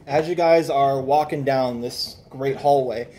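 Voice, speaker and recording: A man's voice: mid-range voice, steady tone, a little slow, dark tone, a little hiss or hum. A man narrating a tabletop role-playing game as game master, casual and loose, with fillers and laughter.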